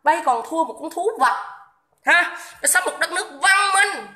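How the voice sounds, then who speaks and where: A woman's voice: extremely high pitch, animated, moderate pace, pushed and bright. A Vietnamese woman ranting angrily into her phone on a livestream, swearing coarsely and repeating her insults. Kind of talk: angry livestream rant.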